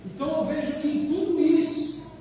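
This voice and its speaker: A Brazilian man preaching a sermon, telling a personal story in an earnest, animated way with changing volume. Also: very high voice, normal speed. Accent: Brazilian Portuguese. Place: church hall. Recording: echoey church hall, mic far off, faint noise.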